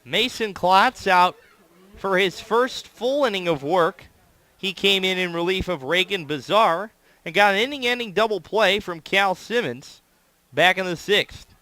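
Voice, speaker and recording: A man's voice: high voice, a little slow, sharp tone, no echo. A man doing live baseball play-by-play commentary as the announcer, in clipped phrases, stretching words on big plays.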